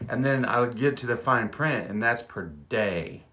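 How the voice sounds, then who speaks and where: A man from Texas, an animated storyteller who chuckles often and repeats words in a casual vlog. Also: medium pitch, a little slow. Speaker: vlogger.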